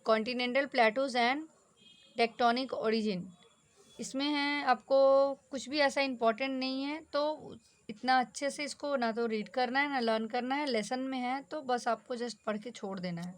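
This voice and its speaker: A woman teacher giving a brisk, exam-focused lesson, slipping English terms into her instructions. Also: high voice.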